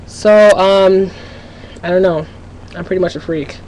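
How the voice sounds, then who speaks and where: A teenage vlogger from Minnesota, USA, talks to her webcam at home in a casual, confessional way, candid and a bit scattered, restarting sentences as her thoughts outrun her. Her fairly low, slightly mellow voice is fairly even and a little slow, and the rough recording carries a faint hiss.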